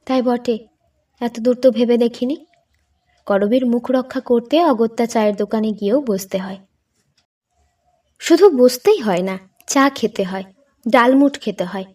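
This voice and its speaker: A woman's voice: a little high, measured pace, pauses often, distant mic. Woman narrating an audiobook story. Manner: steady, expressive reading.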